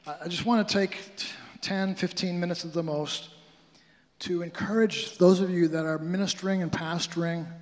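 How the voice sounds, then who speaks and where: A man's voice: high-pitched, steady tone, darkish tone, long reverb tail. A man from the American Midwest preaching a sermon in a casual, conversational way, often stumbling and restarting his sentences. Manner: conversational, halting, frequent restarts.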